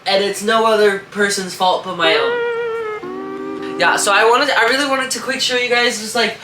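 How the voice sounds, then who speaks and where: Over music, a young vlogger with a stuffy nose shows viewers around his rat shed, rambling and cursing in a chatty way. His high voice is very animated at a moderate pace. He's a reptile and rat breeder, and the show-and-tell is recorded in an echoey shed room.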